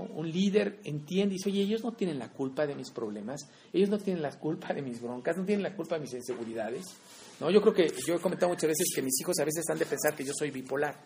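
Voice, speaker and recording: Brief: middle-aged Mexican preacher, slightly high voice, chatty, keeps checking in with listeners. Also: male voice, creaky, slight background noise. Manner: casual, keeps asking "¿no?". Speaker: preacher to men. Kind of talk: conversational devotional talk.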